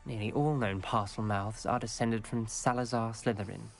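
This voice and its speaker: An earnest, cautious young wizard. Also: male voice, on the low side, fairly even intonation, moderate pace, gravelly. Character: earnest young male wizard student who speaks to snakes. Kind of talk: video game dialogue. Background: game music.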